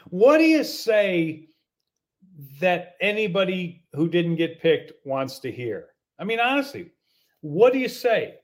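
A middle-aged man hosting a podcast and ranting in a casual way, full of rhetorical questions and stuttered repeats. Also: high-pitched. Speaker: podcast host.

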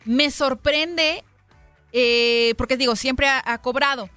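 Woman, high bright voice, chatty co-host, dry close sound, faint music. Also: slow pace, clean tone, dry recording. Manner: chatty, commenting and steering the conversation. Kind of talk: casual chat.

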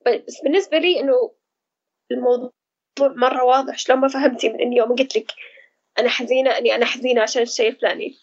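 A woman, speaking as an interview guest about her own experience, pausing often to search for words. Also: on the high side, fairly even intonation, dull audio. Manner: hesitant, searching for words, reflective. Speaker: guest sharing personal experience. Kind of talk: casual conversational interview.

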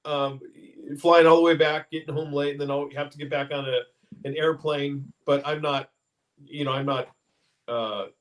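A man's voice: on the high side, fairly even intonation, normal speed. A man hosting a casual podcast live stream, chatty, with many fillers and self-corrections. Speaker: podcast host.

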